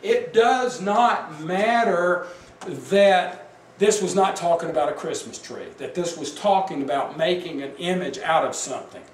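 A man's voice: high voice, a little slow. A man preaching a sermon, emphatic and asking his congregation questions. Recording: echoey room, mic at a distance, faint background noise.

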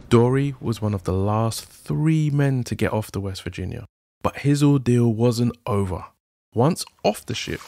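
A man's voice: fairly low pitch, creaky, darkish tone. A man hosting a podcast, narrating history from a script with wry, sardonic asides. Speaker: podcast host.

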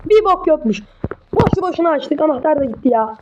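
A woman's voice: high-pitched, expressive, a little fast, dull audio. A woman giving casual commentary on a horror game, muttering to herself and swearing when startled. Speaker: gamer playing a horror game. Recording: noisy home recording.

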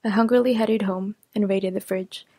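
A woman narrating a first-person audio story in an even, steady reading voice. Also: medium pitch, normal speed, no echo.

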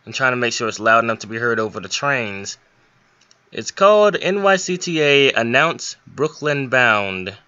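Giving a casual screen tutorial step by step, a young hobbyist game modder explains things a bit hesitantly. He speaks at a medium pitch and moderate pace, very animated, his voice pushed and bright yet clean in tone. The recording has no room sound and a lo-fi quality.

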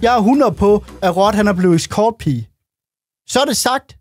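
A man's voice: sits high, animated, soft background music. A man reacting to memes about himself in a casual, crude comedic rant, swearing and rambling as he jokes. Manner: swears a lot, rambling, joking.

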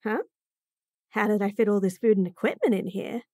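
Her voice mid-range, mellow, and animated, a woman speaks fairly quickly as a sassy bunny-girl chef who teases the listener. It's an acted F4M fantasy roleplay monologue, recorded dry with studio quality.

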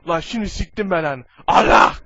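A man's voice: high-pitched, a little fast, bright, forceful tone, no echo, muffled recording, exaggerated voice. A man voicing a brash, combative, foul-mouthed cartoon hero with a crude, hollering delivery in an amateur comedy parody dub. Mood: furious.

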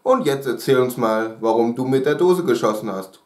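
A man's voice: mid-range voice, expressive, normal speed, darkish tone, natural voice. A man voicing a strict woman schoolteacher in a read-aloud story, firm and questioning. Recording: roomy echo.

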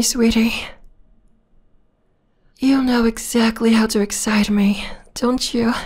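In an ASMR roleplay, a woman voices an obsessive, possessive young vampire lover, cooing intimately with sweet menace. She is soft and breathy, often whispering, and her voice is a little high.

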